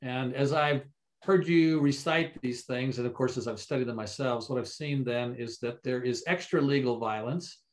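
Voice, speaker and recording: An older male host speaks over a video call from his study, in a middle-pitched voice. He sets up his question in a careful, measured way. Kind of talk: interview conversation on a video call. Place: book-lined study.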